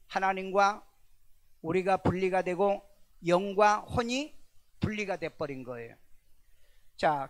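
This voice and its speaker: A middle-aged male pastor delivers a sermon, constantly tossing questions to the congregation and waiting for their answers. His voice sits a little high, and he turns sharply louder on key lines. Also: no echo. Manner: rhetorical questions to the congregation, animated bursts of loudness. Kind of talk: sermon with call-and-response questions.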